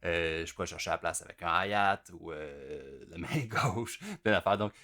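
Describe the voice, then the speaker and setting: Man teaching drums, low voice. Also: normal speed. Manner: relaxed, conversational, with many fillers. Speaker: drum teacher. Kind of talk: casual spoken instruction. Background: drum playing.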